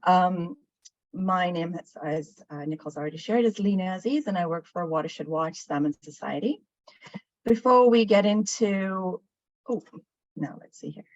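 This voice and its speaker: Giving a webinar presentation as a guest presenter, a woman from Sri Lanka who was raised in Dubai tells it like a story, with many fillers and restarts. Her voice is fairly low and a little mellow at a moderate pace, the sound lo-fi with no room echo.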